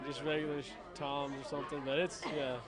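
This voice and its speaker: A man's voice: on the high side, little pitch movement, fairly quick. A man being interviewed, laid-back and dry in his answers. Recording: crowd noise behind.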